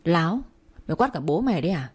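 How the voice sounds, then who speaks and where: A woman voicing a stern, angry middle-aged father who shouts and scolds, in a Vietnamese audio story. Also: lowish voice, very animated, fast, slightly rough. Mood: angry scolding.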